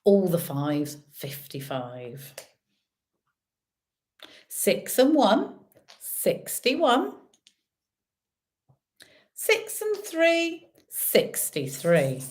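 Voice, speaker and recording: A woman working as a bingo caller, reading out numbers digit by digit with drawn-out pauses and chatty, informal asides to the players. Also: mid-range voice, huge pitch swings, darkish tone.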